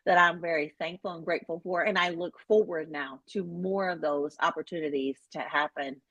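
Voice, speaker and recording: A middle-aged woman health coach and author, chatting in an interview in an animated, self-deprecating way with many fillers. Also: on the low side, normal speed, no echo, highs cut off. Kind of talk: casual interview chat.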